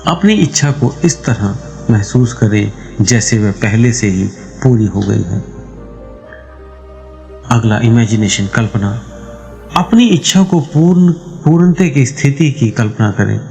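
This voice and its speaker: A man hosting a meditation channel, explaining a meditation practice step by step in a calm, measured, instructive way. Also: mid-range voice, creaky, faint music behind, rough recording.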